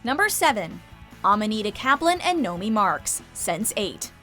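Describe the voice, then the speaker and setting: A woman's voice: mid-range voice, very animated, moderate pace, music in the background. A woman reading scripted narration as the narrator of a countdown video.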